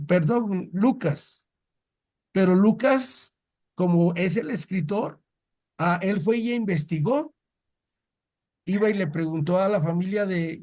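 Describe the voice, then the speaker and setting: A man leads a relaxed catechism lesson, his voice sitting noticeably high for a man. He talks in a storytelling way and often stops to restart a word or phrase. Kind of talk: casual Bible teaching.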